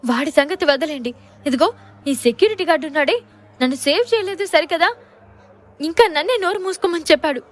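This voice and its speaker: Woman voicing a spoiled scheming wife, shrill, whiny, high-pitched, audio story. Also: a little fast, lightly acted. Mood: complaining. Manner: whiny, fake-tearful complaining.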